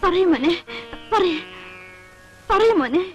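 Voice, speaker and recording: A gently coaxing mother. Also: very high voice, animated, takes it slowly, over music, exaggerated voice. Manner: gently coaxing, pleading with her son. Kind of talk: film drama acting. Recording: dull lo-fi old film audio.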